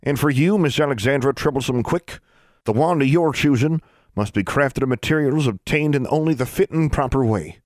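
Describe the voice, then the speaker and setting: A man voices a shrewd old country woman who crafts wands, using folksy dialect in a measured mood. He pitches his natural, mid-range voice above his own, speaking at normal speed with a darkish tone, in a studio-quality recording with no echo.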